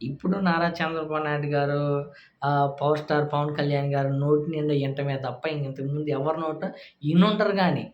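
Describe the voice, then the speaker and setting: A man's voice: fairly high pitch, fairly even intonation, fast, echoey room, muffled recording. A man commenting sarcastically on political speech clips in a casual, scoffing way.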